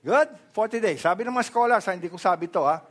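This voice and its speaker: A man's voice: high-pitched, expressive, quick pace, fairly bright tone. A man with a Filipino accent preaching a sermon, asking the congregation questions and mixing in English phrases. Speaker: pastor.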